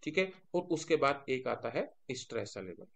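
A man's voice: mid-range voice, lively intonation, normal speed, vocal fry. A man with an Indian accent teaching a lecture, mixing in English terms and answering his own questions. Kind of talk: classroom-style lecture.

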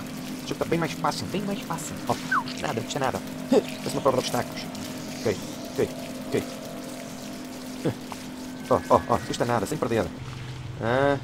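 A man's voice: medium pitch, expressive, quick pace, pauses often. A man with a European Portuguese accent, commentating a horror game as he plays, muttering to himself and yelping at jump scares. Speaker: gamer playing a horror game. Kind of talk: let's play commentary. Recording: clear game noise behind voice.

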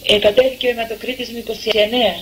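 A woman's voice: fairly high pitch, little pitch movement, slight background noise, low-quality recording. An older woman giving a personal testimony, telling her story earnestly and voicing what others said to her. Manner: earnest, acts out the lines of others. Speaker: testimony giver.

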